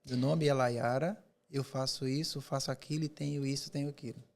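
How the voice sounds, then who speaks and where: A man's voice: medium pitch, steady tone, a little fast, gravelly, a little mellow. A man who mentors public speaking, answering in a podcast interview with emphatic, rhetorical delivery and repeated words for effect.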